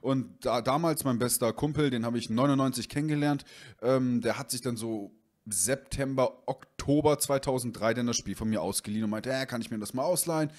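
A man's voice: mid-range voice, normal speed, a little mellow. A young man, a vlogger, casually telling a funny story from his youth and rambling with fillers as he acts out the conversation. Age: young adult. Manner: rambling with fillers, reenacts dialogue.

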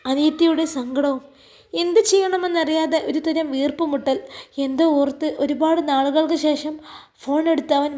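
A woman's voice: sits high, warm tone. A woman from Kerala, narrating a sad family story and voicing its characters with tearful, dramatic delivery. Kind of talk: emotional story narration with acted dialogue.

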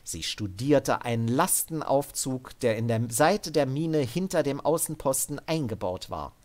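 A man's voice: mid-range voice, animated, measured pace, a little mellow. A man narrating a translated adventure story, stopping now and then to add loose comments of his own. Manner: breaks off to add casual comments. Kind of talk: reading a translated story aloud.

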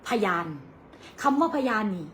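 A woman's voice: measured pace, a bit bright, a little hiss or hum. A young woman with an Isan Thai accent, bluntly scolding her rivals on a livestream in crude, angry words.

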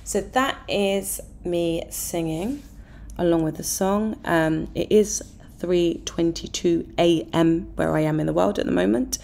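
A woman with a hoarse voice, walking through a music software tutorial step by step, with fillers and easy asides. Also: lowish voice, measured pace. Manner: relaxed step-by-step explaining with fillers.

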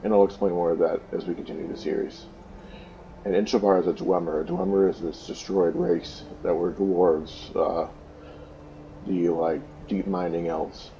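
A man's voice: low-pitched, steady tone, normal speed, mellow, dull audio, slight background noise. A man hosting a game playthrough, reading a book aloud plainly and stopping to explain things with casual fillers. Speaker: let's play host.

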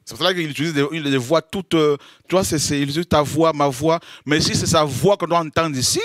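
A man preaching a lively sermon, exclaiming, making dramatic sound effects and laughing between points. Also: a little high, quick pace, dry recording. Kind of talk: animated sermon.

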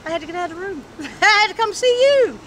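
A middle-aged woman chatting candidly in a street interview, animated and talkative, in an outdoor parking lot. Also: very high-pitched, quick pace, rough recording. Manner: animated, chatty, acts out quoted voices. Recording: street noise in the background.

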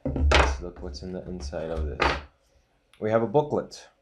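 A man in his thirties hosting a casual unboxing vlog, reading titles off with small relaxed asides. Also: low-pitched, measured pace, slight background noise. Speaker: channel host unboxing a disc set.

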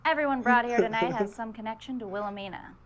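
A woman's voice: a little high, close to an everyday voice. An actress playing a chipper female sidekick from the 1940s, talking in period slang. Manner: brisk, slangy.

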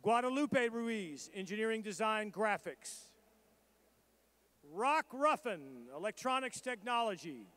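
One by one, a man with a strikingly high voice names the graduates at a college commencement. His reading stays formal and measured, moving steadily through names and programs and pronouncing each with care.

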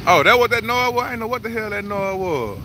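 A man vlogging live at an outdoor zoo, joking loudly in slangy banter. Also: sits high, animated, fast, background noise. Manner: loud, joking, slangy banter with frequent laughs. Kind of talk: casual live vlog.

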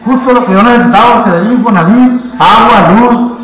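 A fervent Mexican man with a high voice gives his testimony in church, bursting into shouted praise. His voice booms around a big echoing hall. The sound is dull and lo-fi. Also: fairly quick. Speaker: church member giving testimony.

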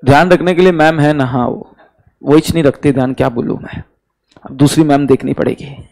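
A man's voice: fairly high pitch, steady tone, brisk, gravelly, a little mellow, low-quality recording. A man in his thirties with an Indian accent, a commerce exam tutor giving a casual live online lecture, chatty and teasing, with a mild fever. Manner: chatty, teasing, mixes Hindi and English. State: mild fever, recovering throat.

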